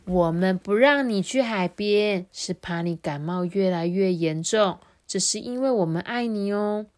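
A woman voicing a gentle mother dinosaur who coaxes and warns her child. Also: unhurried, close to an everyday voice. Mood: coaxing. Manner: soft coaxing, then high warning.

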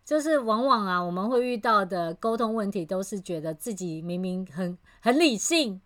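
A woman's voice: medium pitch, moderate pace. Woman explaining communication skills. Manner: animated storyteller who explains patiently. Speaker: communication trainer and podcast host. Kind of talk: casual explanatory chat.

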